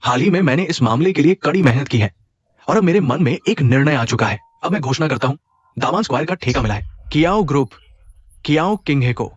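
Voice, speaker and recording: A stern official. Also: male voice, fairly high pitch, expressive, brisk, husky, no echo, lo-fi sound. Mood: formal. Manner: stern, commanding. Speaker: government official. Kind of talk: dubbed drama dialogue.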